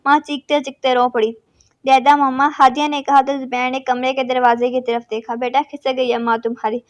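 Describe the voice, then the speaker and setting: A woman narrating a romantic novel as an audiobook, reading every character in the same steady narrating voice. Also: high-pitched, no echo.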